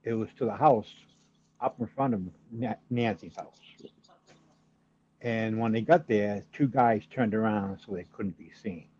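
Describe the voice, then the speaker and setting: A man's voice: lowish voice, unhurried, darkish tone, slightly rough. A man with a Boston accent, a caller to a talk show, speaking casually and telling what happened. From Massachusetts, USA. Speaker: phone-in caller. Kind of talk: casual call-in storytelling. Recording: dull lo-fi call audio.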